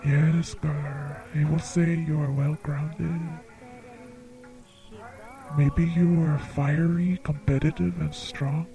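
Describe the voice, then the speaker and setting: A man hosting a comedic call-in show as a psychic, speaking in a slow, soft-spoken, earnest way. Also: on the high side, level tone, gravelly, soft background music, poor audio. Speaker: psychic radio show host.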